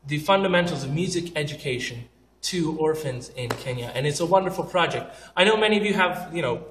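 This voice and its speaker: A man's voice: on the high side, fairly bright tone, reverberant, recorded from a distance. A young man telling funny travel stories in a casual, joking, self-deprecating way, talking straight to camera. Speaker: vlogger.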